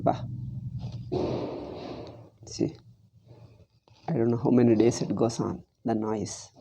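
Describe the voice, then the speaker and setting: A man with a South Indian accent teaches in an informal spiritual lecture. His voice is very dark and muted, with a creaky grain. He makes his points emphatically, repeating phrases and posing rhetorical questions. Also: mid-range voice, steady tone, takes it slowly. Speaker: Vedanta teacher.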